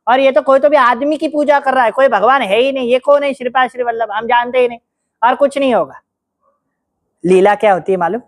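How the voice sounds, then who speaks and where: A woman tells a devotional story in a lively, engaged way, often turning to ask her listeners whether they follow. Her voice sits a little high. The recording is dry, with no room sound. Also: no echo. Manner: narrates vividly, asks listeners questions.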